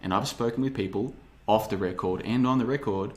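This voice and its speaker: A podcast host in his thirties, with a low voice and a brisk pace, works through the live chat in a casual, rambling way. His tone is sarcastic, and he slips into mocking voices.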